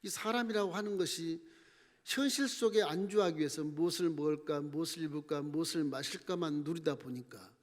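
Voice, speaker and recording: A middle-aged male pastor preaching a Sunday sermon, swinging between loud emphatic lines and low, near-whispered asides. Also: fairly quick. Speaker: senior pastor. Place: church sanctuary. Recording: church hall with long reverb.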